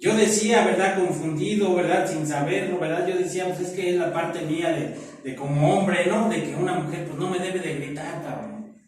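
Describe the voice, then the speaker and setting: A middle-aged Mexican man sharing his testimony at a support group meeting, speaking roughly and with profanity, punctuating nearly every phrase with "¿no?" and "¿verdad?". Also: sits high, moderate pace, a little mellow. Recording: echoey room, far from the mic.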